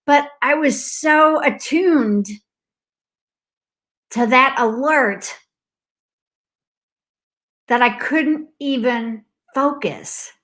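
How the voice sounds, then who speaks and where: A middle-aged woman telling a personal story in a casual way, animated and full of likes, acting out alarms and laughing often. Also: high voice, extremely slow, long pauses. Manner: talks in loose fragments with many likes. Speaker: host.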